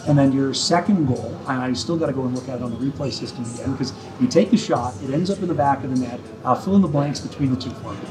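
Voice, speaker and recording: A man's voice: medium pitch, quick pace, few pauses, music in the background, rough recording. A man interviewing a hockey player after a game, chatty with long setup questions, on a handheld mic in an indoor ice arena. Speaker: team broadcaster.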